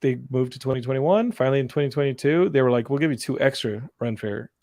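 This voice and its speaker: A man's voice: medium pitch, fast talker, darkish tone, no room sound, studio quality. A young man co-hosting a podcast, telling stories in a casual, joking way and mimicking people in silly voices. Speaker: podcast co-host. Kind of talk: casual chat.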